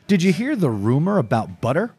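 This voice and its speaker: A man's voice: fairly high pitch, very animated, brisk, a little mellow, slightly rough. A man telling one-liner dad jokes as the host, setting each one up and then delivering the punchline.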